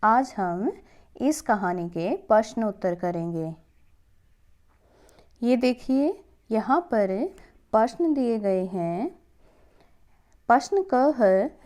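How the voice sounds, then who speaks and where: A woman's voice: mid-range voice, a little mellow. A woman teaching a lesson to young children, patiently repeating each question and answer for the class. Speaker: primary school teacher.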